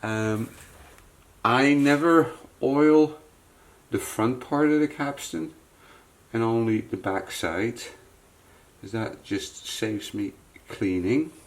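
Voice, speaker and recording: A man with a medium-pitched voice talks slowly through a casual hands-on tutorial. Like a repair video presenter, he thinks aloud to his viewers while he works.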